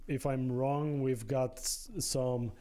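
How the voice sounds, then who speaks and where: A man hosting a podcast, interviewing a guest over food with slow, searching phrasing and restarts. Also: medium pitch, steady tone, dark tone. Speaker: podcast host.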